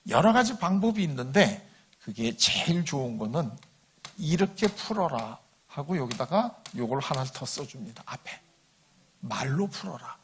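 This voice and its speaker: Husky older man giving a church talk. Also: on the high side, fairly bright tone. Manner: questions the audience and chuckles along. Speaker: guest lecturer at a church meeting. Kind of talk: conversational church lecture.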